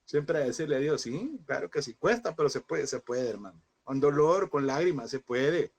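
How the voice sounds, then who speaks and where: With an animated, somewhat high voice and a moderate pace, a thirty-something man teaches a seminary class like a fervent sermon. Grief colors his words, and he constantly calls his listeners "hermano," meaning brother.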